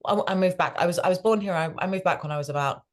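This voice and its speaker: Low-voiced thoughtful woman guest. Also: very fast. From grew up between the US and the UK. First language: Farsi. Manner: thoughtful, self-correcting. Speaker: guest, behaviour change specialist. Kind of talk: conversational interview answers.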